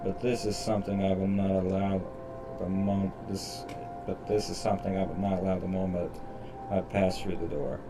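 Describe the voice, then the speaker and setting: Reading a game's story aloud on a livestream, a low-pitched man speaks at normal speed in a level tone, stumbling at times and swearing as he comments. The background is noisy with game music, picked up by a distant mic.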